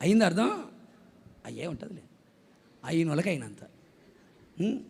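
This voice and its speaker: A middle-aged male pastor preaches a fiery sermon, pressing his points hard. His voice sits high for a man and carries a gravelly rasp. He drives key phrases home with shouts. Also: big pitch swings, moderate pace. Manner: forceful, often shouting emphatic phrases.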